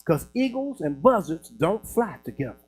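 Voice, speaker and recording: A woman's voice: lowish voice, very animated, normal speed, soft background music. A man voicing a stern old Southern grandmother who speaks a little slurred and gives folksy warnings. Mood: scolding. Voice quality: slightly slurred from snuff.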